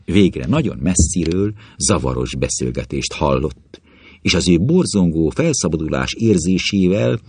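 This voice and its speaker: A man reading a literary story aloud as an audiobook narrator, in an expressive, dramatic way that suddenly climbs higher in pitch at tense moments. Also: husky, no echo. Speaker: audiobook reader.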